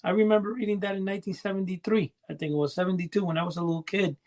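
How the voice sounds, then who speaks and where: Co-hosting a podcast, a middle-aged or older man talks in a loose, rambling way during a casual panel chat. He speaks rapid-fire in a high-pitched, level voice that's a little mellow.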